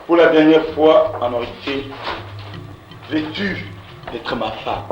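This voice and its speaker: An actor playing a scornful, domineering rebel officer who commands a captive nun. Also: male voice, fairly high pitch, slow, noisy background. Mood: menacing. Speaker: captor demanding a nun marry him. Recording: distant echoey lo-fi recording with music.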